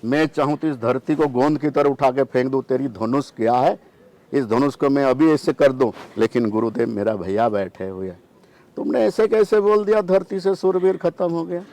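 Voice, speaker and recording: A man's voice: mid-range voice, fairly even intonation, normal speed, a little mellow, natural voice. A man doing a fiery young warrior prince. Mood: angry.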